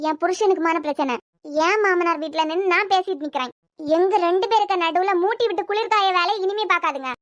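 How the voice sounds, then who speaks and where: A woman putting on a shrill scolding mother-in-law. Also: fast talker, no echo, clean studio sound. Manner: shouting, scolding. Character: shrill older mother-in-law, meddling and spiteful.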